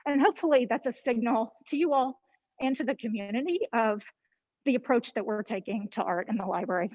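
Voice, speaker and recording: A woman's voice: a little high, darkish tone, no room sound, dull audio. A woman leading a casual guided tour of a library, slightly out of breath as she walks and talks, with frequent ums and restarts. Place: inside a library building, walking through stairwell and vestibule. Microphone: handheld phone camera on a video call.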